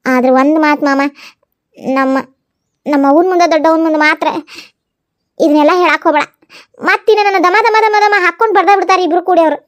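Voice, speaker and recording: A woman's voice: very high voice, quick pace, long pauses. A woman voicing a kind, earnest young village woman with a North Karnataka accent in a cartoon comedy, speaking in a consoling, pleading way. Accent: North Karnataka Kannada. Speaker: cartoon voice actor.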